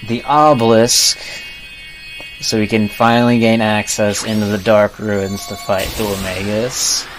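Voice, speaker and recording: This man's voice sits on the low side, with a slight hiss or hum on the recording. Streaming live as he plays a video game, he offers easygoing commentary and dry asides over the game's music.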